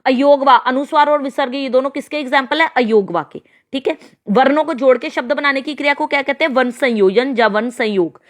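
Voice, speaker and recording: A woman teaching a grammar lesson to children, spelling out letters step by step and checking with questions. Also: sits high. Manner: slow, spelled-out explanations with frequent checking questions.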